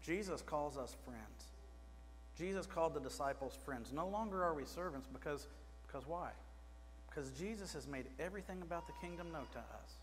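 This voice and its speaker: A man's voice: on the high side, expressive, moderate pace. Man preaching in a reverberant church. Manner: conversational, asks the congregation questions, gestures at a pulpit. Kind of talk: sermon. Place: small church sanctuary. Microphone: pulpit microphone. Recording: reverberant church with faint mains hum.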